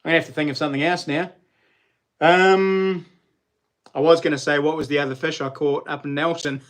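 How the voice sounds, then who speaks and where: A middle-aged man with a New Zealand accent runs a casual livestream, chatting with viewers in a rambling, slangy style punctuated by laughs. His fairly high, a bit bright voice moves fairly quickly with fairly even intonation.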